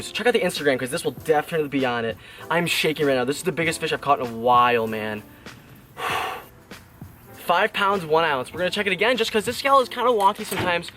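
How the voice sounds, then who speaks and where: A young man fishing at a pond outdoors, talking casually to his viewers on an action camera, excitable and quick to exclaim while sweating in the heat. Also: on the high side. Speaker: fishing vlogger. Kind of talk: casual vlog talk to camera.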